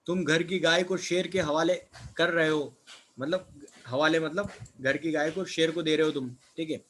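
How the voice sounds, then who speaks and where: A man's voice: a little high, steady tone, moderate pace, a bit bright, slight background noise. A man teaching a children's textbook lesson, asking questions and then answering them himself, checking in with little tag phrases. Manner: asks questions then answers them, repeats words with "है ना" and "ठीक है".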